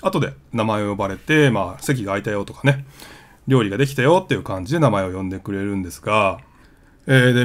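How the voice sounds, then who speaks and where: Lively, chatty male travel vlogger. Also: mid-range voice. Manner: chatty, conversational with frequent fillers. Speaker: travel vlog host. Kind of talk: casual explanatory vlog talk.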